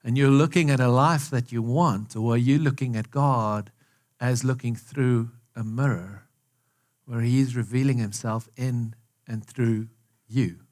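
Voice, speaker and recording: A South African pastor, his accent tinged with American, preaches a conversational sermon to a live congregation in a church hall, asking questions and repeating phrases for emphasis. His voice is medium-pitched and steady, a little slow and a little mellow.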